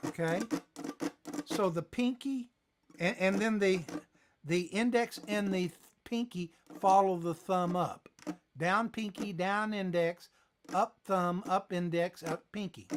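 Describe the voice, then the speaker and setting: A man teaching a ukulele lesson on a live stream, talking in a relaxed way while he plays and calls out tempos. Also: sits high, slow, background noise. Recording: loud ukulele playing under the voice.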